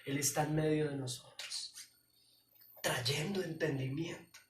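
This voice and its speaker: Man, pastor's sermon, emphatic and pleading, fairly high voice, echoey church hall, mic some distance off. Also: a little hiss or hum. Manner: emphatic, pleading, addresses listeners directly.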